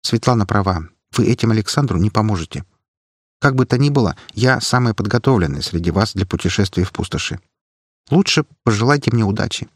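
A man voicing Min, a grim, loyal young woman bodyguard who speaks flatly and categorically. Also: on the low side, a little fast, dry recording, voice pushed up. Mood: resolute. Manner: flat, categorical.

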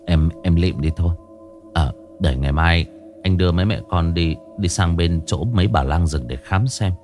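A man voicing a gruff, stubborn village husband who talks bluntly and low. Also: sing-song, moderate pace, soft background music. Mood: soothing. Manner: blunt, dismissive, low and hushed.

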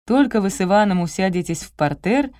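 A woman's voice: medium pitch, lively intonation, a little fast, darkish tone, no room sound, clean studio sound, close to an everyday voice. A woman reading a teasing male best friend.

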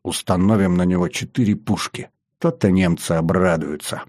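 An anxious aging aircraft designer from a spoken audiobook, murmuring his hopes in a low, subdued voice, as a male narrator puts him on. He sounds quiet and pleading, and the close recording is dry with no room around it. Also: fairly even intonation, normal speed, no room sound. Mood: musing. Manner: quiet inner musing, pleading.

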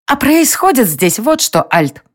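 A woman voicing a tiny bossy female fairy with a squeaky, mock-lecturing voice in a storybook reading. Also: big pitch swings, measured pace, full character voice. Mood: teasing.

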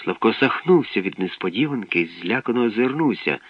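Low-voiced man reading a story. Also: fairly quick, no room sound. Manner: steady storytelling that shifts into acted voices. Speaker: audiobook narrator. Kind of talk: scripted story narration. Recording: dry, dull lo-fi recording.

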